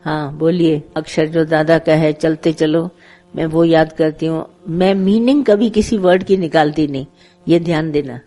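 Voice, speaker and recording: Speaking to followers at a satsang, this middle-aged spiritual teacher keeps a conversational tone, voices characters in her parables, and drops in English words. Her low, dark voice holds fairly even intonation at a moderate pace, with faint music behind and poor audio quality.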